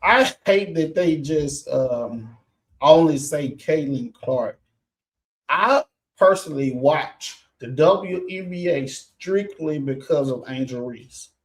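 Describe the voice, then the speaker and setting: A man's voice: fairly high pitch, lively intonation, takes it slowly. Casual male reaction-show host. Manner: casual, loose, many fillers.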